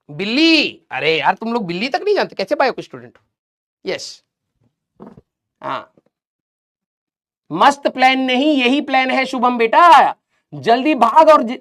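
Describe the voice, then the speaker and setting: A man's voice: extremely high pitch, a bit bright. A man teaching a live online class, chatty and teasing, joking with his students between lessons. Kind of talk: casual live-class banter.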